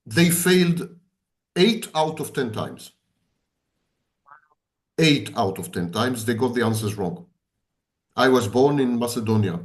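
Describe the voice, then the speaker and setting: A man's voice: medium pitch, lively intonation, a little slow, long pauses. A man, speaking as a psychology expert in an emphatic, repetitive, sardonic conversational lecture. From Israel.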